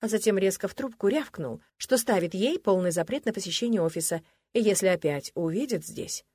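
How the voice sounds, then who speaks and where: A woman's voice: medium pitch, animated, brisk, a little mellow, slightly rough, no room sound. Woman narrating an audiobook, dry sound. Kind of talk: audiobook reading.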